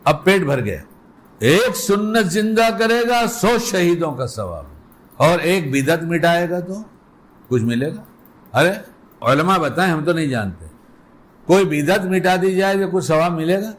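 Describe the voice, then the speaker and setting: A man's voice: sits high, animated. A man delivering an Islamic sermon in a colloquial way, putting rhetorical questions to his listeners. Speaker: preacher.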